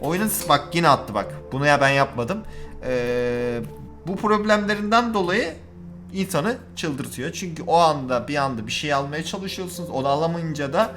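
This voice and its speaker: A man giving casual let's-play commentary, talking to viewers and swinging from calm remarks to exasperated shouting at the game. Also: on the high side, moderate pace, soft background music. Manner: addresses viewers directly. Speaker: gaming YouTuber.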